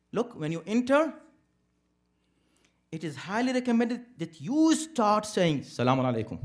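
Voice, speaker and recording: A man speaking at an interfaith program, lecturing a live audience and asking rhetorical questions that he answers himself. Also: sits high. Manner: emphatic, preacherly. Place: community center event.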